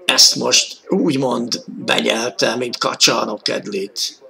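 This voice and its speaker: A man giving live football commentary on an old 1980s television broadcast, excited and rising to shouts at key moments. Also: medium pitch, vocal fry.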